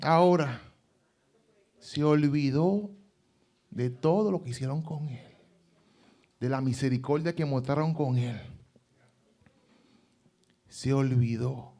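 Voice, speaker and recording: A man's voice: mid-range voice, slow, long pauses, mellow. A man preaching a sermon as pastor, retelling with emphasis and rhetorical questions.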